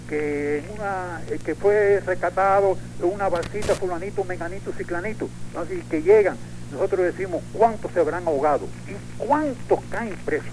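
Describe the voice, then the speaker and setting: An older Cuban man with a Cuban Spanish accent, a guest on a radio interview speaking from inside Cuba, halting with many fillers and restarts. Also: high-pitched, background noise.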